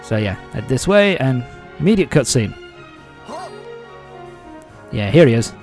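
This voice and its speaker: A man's voice: mid-range voice, big pitch swings, a little slow, a little mellow, soft background music. A man casually commentating a video game playthrough, rambling with many fillers, swearing and chuckling. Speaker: let's play host.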